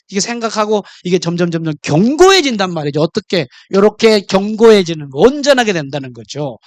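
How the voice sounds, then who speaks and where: A man preaching a sermon with a lively, swinging pitch. He keeps firing questions at the congregation. His voice sounds close and dry, with no room echo. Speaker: pastor.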